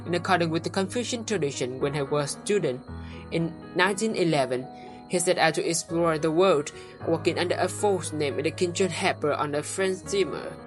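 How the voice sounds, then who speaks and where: Low-voiced Vietnamese young woman narrating. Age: young adult. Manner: careful, read-aloud delivery. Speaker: student presenter playing a tour guide. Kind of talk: scripted school project narration. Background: background music.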